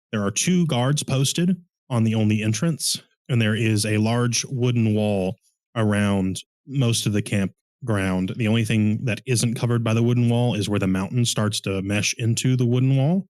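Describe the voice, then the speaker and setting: A man's voice: fairly low pitch, no room sound, studio quality. A man running a tabletop game as game master, describing scenes in a rambling way with many fillers while he is starting to lose his voice from a sore throat.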